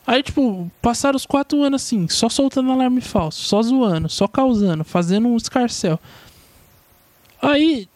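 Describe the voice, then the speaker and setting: Young brazilian guy, high pitched, rambly and sweary, dead dry mic. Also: expressive, normal speed, a little mellow, no room sound. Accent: Brazilian Portuguese. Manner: rambling, slangy, swears often. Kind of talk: casual opinion monologue.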